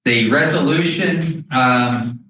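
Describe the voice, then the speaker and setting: Slow man talking through a face mask, echoey room. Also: medium pitch, pushed and bright. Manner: hesitant, with long pauses and frequent throat clearing. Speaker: school district official presenting to a board. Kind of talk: halting explanatory presentation at a public meeting. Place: indoor meeting room. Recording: very echoey room, distant mic, faint noise.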